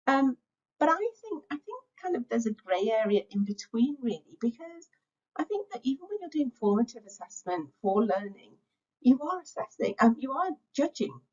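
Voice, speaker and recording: A middle-aged English woman gives a webinar lecture to teachers as a teacher-training speaker, reflective and conversational with frequent filler sounds. Her voice is a little high, a little mellow and slightly rough, and the recording is muffled.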